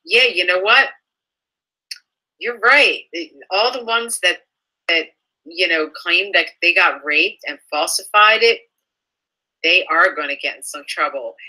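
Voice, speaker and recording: Sarcastic woman with a bright edge. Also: on the low side, poor audio. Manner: indignant, sarcastic, profane; halting with frequent restarts. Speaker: vlogger reading comments. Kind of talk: casual ranting commentary.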